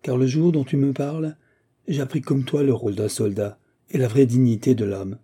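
A man reading aloud plays a young warrior king with an imperious, booming manner of command. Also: steady tone, normal speed, mellow, husky, natural voice. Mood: hearty.

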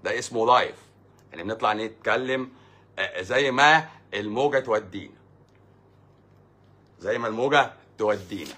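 A man's voice: lowish voice, normal speed, pauses often, bright, forceful tone. A man with an Egyptian accent hosting a livestream, answering viewer comments in a sarcastic, mocking, rambling way. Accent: Egyptian Arabic. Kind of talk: sarcastic casual livestream talk.

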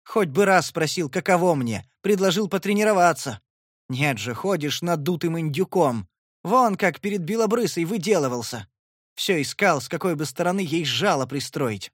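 A man voicing a defensive, quick-tempered young woman who shouts sharp retorts. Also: on the high side, lively intonation, dry recording, clean studio sound, pitched above the performer's own voice. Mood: bitter.

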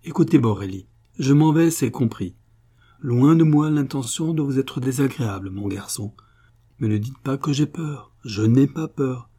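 A man voicing an elderly gentleman who banters and then tries to placate an angry man. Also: mid-range voice, expressive, normal speed, breathy edge, pitched above the performer's own voice. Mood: placating. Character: old, mild-mannered gentleman, feigning calm.

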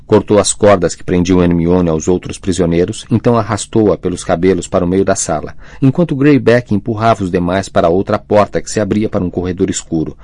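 A man tells the story as an audiobook narrator, deep-voiced and measured. His reading is dramatic but steady. The recording is close and dry, with no room sound. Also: dry recording.

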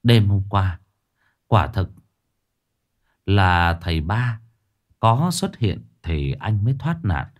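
Man, low voice, lively pitch, ghost story narration. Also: slow pace, pauses often.

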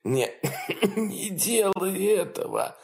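A man voicing a dying father who wheezes his words out faintly and slowly. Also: high-pitched, lively intonation, darkish tone, pitched above the performer's own voice, exaggerated voice. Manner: faint, rasping and strained.

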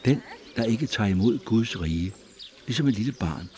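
A man's voice: lowish voice, lively intonation, a little mellow, slight background noise, pitched above the performer's own voice, lightly acted. A man reading a solemn prophet. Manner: solemn, declamatory. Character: gentle but stern male prophet, solemn.

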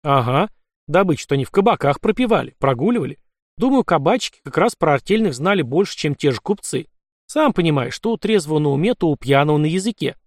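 A man's voice: on the high side, lively intonation, fast, dry recording, clean studio sound. A man voicing a sly, unflappable young Cossack who talks in a wry, matter-of-fact way, in an audiobook. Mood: wry, easygoing. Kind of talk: audiobook character voice.

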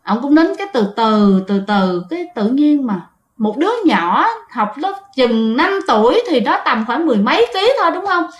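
Chatty high-voiced woman storyteller. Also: expressive, moderate pace. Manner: chatty, addresses listeners, restarts often. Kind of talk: casual ghost-story narration. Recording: roomy echo.

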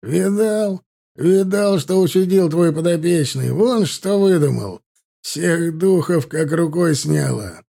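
A man's voice: fairly high pitch, animated, normal speed. A man voicing a boisterous army captain. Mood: triumphant. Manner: loud, rough, exclaiming.

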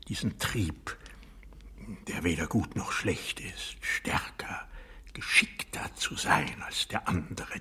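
In a radio drama monologue, an actor plays a bitter, proud old aristocrat, a former hunter brooding over betrayal. His husky, breathy voice sits on the low side yet sounds pushed and bright, often sinking toward a whisper in a full character voice. He is deliberate, halting, intense, and accusing.

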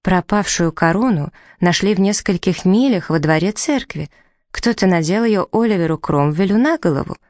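A woman's voice: fairly low pitch, animated, moderate pace, a little mellow, no echo, studio quality, voice pushed up, natural voice. A woman reading the part of a playful, mischievous young woman who teases her sister with ironic remarks. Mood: teasing.

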